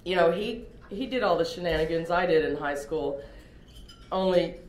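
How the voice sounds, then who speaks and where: Speaking at a recovery meeting, this middle-aged woman from Oklahoma, USA, tells her story honestly and pokes fun at herself. She has a fairly low, somewhat dark voice at an ordinary pace, and the room around her is spacious and reverberant.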